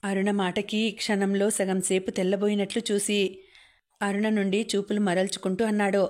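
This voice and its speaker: A woman reading a novel aloud as an audiobook narrator, in a calm, even storytelling manner. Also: mid-range voice, normal speed. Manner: calm, even storytelling, quoting characters without acting them.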